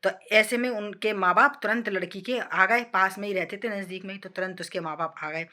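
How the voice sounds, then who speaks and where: A woman's voice: mid-range voice, steady tone, brisk, bright, forceful tone. A woman vlogger narrating a family story in an emphatic, repetitive style with moralizing asides to listeners. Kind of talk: storytelling vlog.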